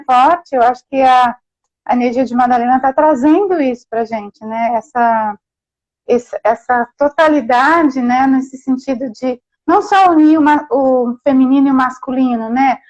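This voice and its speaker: A high-voiced woman hosts a gentle talk, musing aloud in winding sentences and checking in with "né?" at every turn. The sound is muffled and lo-fi, like a video call. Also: moderate pace. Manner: reflective, meandering, constant "né?" tags. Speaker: host therapist. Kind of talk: casual spiritual conversation.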